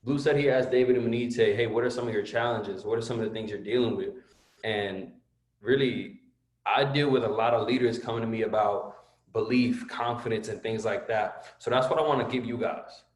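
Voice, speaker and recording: A man's voice: mid-range voice, fairly even intonation, brisk, roomy sound. A man speaking as a guest, giving an emphatic motivational talk and repeating phrases for effect.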